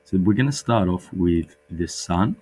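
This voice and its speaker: Aussie teacher guy, husky w a cold, deep voice, walking thru a coding tutorial, slight hum behind. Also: expressive, unhurried, a little mellow. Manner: step-by-step, patient explaining. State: sick with a cold. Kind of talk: screen-recorded coding tutorial.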